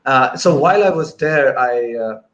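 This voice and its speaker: Expressive and slightly bright, the mid-range voice of a thirty-something filmmaker moves at a moderate pace as he recounts his career in a casual interview. He grew up in Bahrain and Malaysia and speaks from an indoor room over a video call, with wired earphones giving noisy, dull audio.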